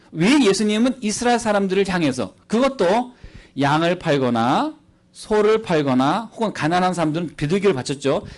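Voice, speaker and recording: A man preaching as a missionary at a church service, animated and playful, quizzing the congregation into a handheld microphone. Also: high-pitched. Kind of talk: sermon.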